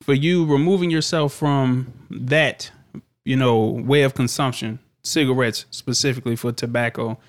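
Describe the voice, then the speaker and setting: A man's voice: medium pitch, fairly even intonation, normal speed. A man hosting a casual interview, asking long and winding questions. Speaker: host.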